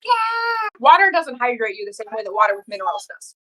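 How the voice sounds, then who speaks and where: Bright-voiced, emphatic woman podcast co-host. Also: on the high side, sing-song, fairly quick, low-quality recording. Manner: earnest, emphatic, rambling storytelling. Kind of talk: casual chat.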